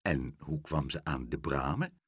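A man voicing a mild, timid older gentleman in a storybook reading, quiet and hesitant. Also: very deep voice, a little slow, slightly rough, dry recording, clean studio sound, pitched below the performer's own voice, exaggerated voice.

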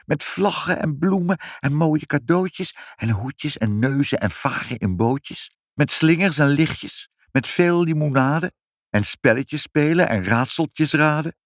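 A man voicing a tearful, excitable little girl in a read-aloud storybook, in a whiny, sobbing manner. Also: medium pitch, moderate pace, slightly rough, no echo, clean studio sound, pitched above the performer's own voice. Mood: weepy.

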